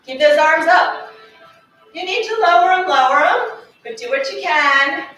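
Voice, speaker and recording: Woman fitness instructor, high voice, unhurried cues, slightly out of breath, very echoey room, off-mic, faint music. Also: expressive, bright, forceful tone, recorded from a distance. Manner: encouraging, cueing moves while exercising. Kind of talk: leading an exercise class. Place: carpeted studio.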